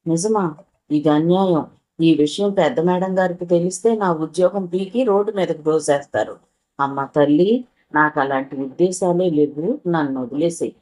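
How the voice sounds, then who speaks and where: A woman's voice: sits low, moderate pace, dark tone. Woman doing a wry young chauffeur. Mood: pleading. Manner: teasing, dry and dodging.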